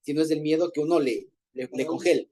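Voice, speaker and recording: A man's voice: fairly high pitch, fast talker, mellow. A man leading an informal group Bible study, explaining Hebrew words in a conversational way and often rephrasing himself.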